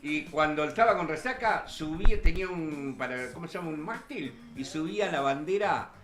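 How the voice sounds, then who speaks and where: A man's voice: on the high side, moderate pace, a bit bright, echoey room. A man from Argentina with a Rioplatense accent, an easygoing guest in a casual chat who tells anecdotes. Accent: Rioplatense Spanish.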